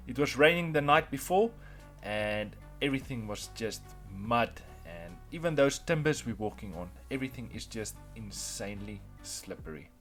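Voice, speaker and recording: On a rainforest trail outdoors, a male vlogger from South Africa narrates his hike in an Afrikaans accent. His medium-pitched voice has a fairly bright tone, and his casual, plain, encouraging commentary includes frequent fillers.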